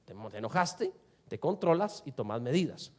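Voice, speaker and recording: A man preaching a sermon to a congregation, asking them rhetorical questions and swinging between loud and soft. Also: medium pitch, sing-song, normal speed. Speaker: pastor.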